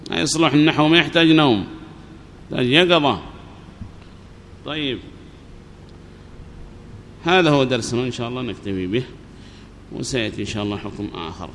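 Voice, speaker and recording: A man's voice: medium pitch, fairly quick, pauses often. A man teaching a grammar class, who repeats key phrases and quizzes his students. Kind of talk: classroom lesson. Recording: long reverb, faint background noise.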